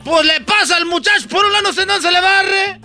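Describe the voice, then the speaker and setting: Man putting on a yelling coach, high, bright, music behind. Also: a little fast, full character voice. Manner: shouting, bossy. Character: loud rural Mexican soccer coach, bossy, yelling.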